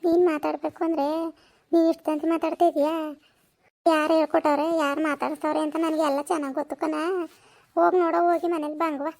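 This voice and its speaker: Woman doing a shrill, scolding village mother-in-law, old and quarrelsome, comedy skit. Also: little pitch movement, fast talker, creaky, a little mellow. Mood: furious. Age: older. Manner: scolding, then wailing in a high pitch. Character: nagging elderly mother-in-law, sharp-tongued and whiny.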